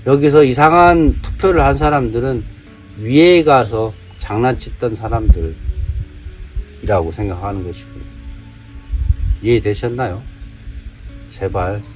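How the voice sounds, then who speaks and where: A man's voice: medium pitch, a little slow, long pauses, darkish tone, faint music behind. A man from Jeolla giving a heated monologue, firing off rhetorical questions. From Jeolla, South Korea. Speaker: vlogger. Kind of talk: casual monologue, day-drinking rant.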